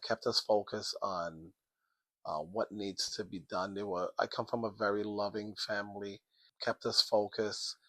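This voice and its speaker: A middle-aged man from the Dutch Caribbean, a math teacher answering interview questions in a measured way with frequent ums. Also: on the low side, no echo. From Sint Maarten, Dutch Caribbean. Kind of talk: casual interview.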